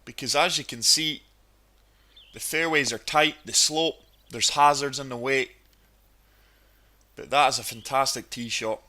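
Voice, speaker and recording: A gaming channel host with a cold chats enthusiastically over golf gameplay, sounding sniffly. His voice is medium in pitch and sharp in tone. He talks a little slowly and pauses often.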